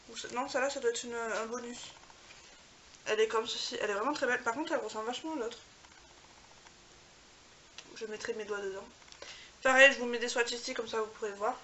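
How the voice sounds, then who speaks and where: A woman's voice: a little high, sharp tone. Gushing woman vlogger, noisy home recording. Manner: gushing, chatty, filler-heavy. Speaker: beauty vlogger. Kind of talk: casual unboxing chat to camera.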